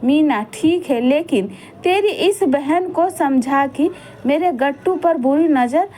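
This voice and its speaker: Give me a sneering cruel stepmother from a storybook, read by a woman, high-pitched and unhurried. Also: lively intonation, a little mellow. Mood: scolding. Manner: scolding, sneering.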